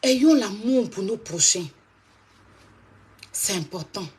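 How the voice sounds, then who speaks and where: A woman's voice: medium pitch, animated, takes it slowly, darkish tone, slightly rough. A woman hosting a live stream, talking straight to her viewers and repeating her points insistently.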